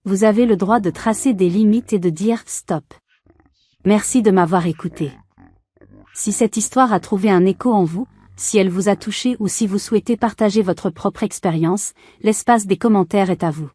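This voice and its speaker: A woman giving a calm, measured first-person story narration as the channel's storyteller. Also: medium pitch, breathy edge, no echo, studio quality.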